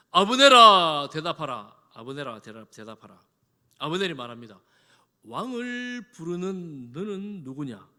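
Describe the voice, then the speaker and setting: A man's voice: a little high, a bit bright. A male pastor preaching a sermon, dramatically acting out quoted lines with a raised voice. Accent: Korean. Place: large church hall. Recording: long church hall reverb.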